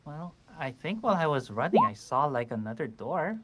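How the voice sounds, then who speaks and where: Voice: mid-range voice, big pitch swings, moderate pace, a bit bright. A tabletop game player chatting casually and cheering on a teammate. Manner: cheering, supportive.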